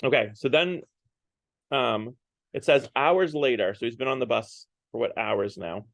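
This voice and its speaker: A man's voice: medium pitch, a little slow, creaky, no room sound. A man leading a parish Lent series, giving a casual talk and often checking in with "right?" and "like". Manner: conversational, often adds "right?" and "like". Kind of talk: casual Lenten talk on a book.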